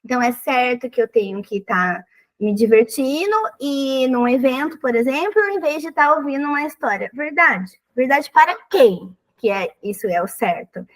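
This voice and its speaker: A woman with a thin, high voice talks in a relaxed, conversational way as a podcast guest. She is animated and expressive, and she jumps into small acted-out quotes. Her pitch sits well above most women's. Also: moderate pace, low-quality recording. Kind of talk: casual conversational advice.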